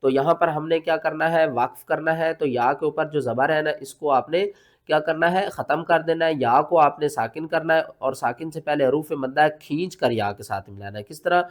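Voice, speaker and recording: A man teaching Quran recitation step by step. He asks himself questions as he explains, then recites slowly in a drawn-out chant. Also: a little high. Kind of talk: step-by-step tajweed lesson.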